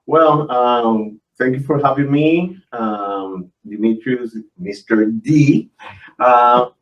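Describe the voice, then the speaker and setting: A man's voice: medium pitch, slow pace, recorded from a distance. A man from Puerto Rico, a guest chatting casually in an interview, hesitant, with fillers and restarts. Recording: lo-fi, from off the mic.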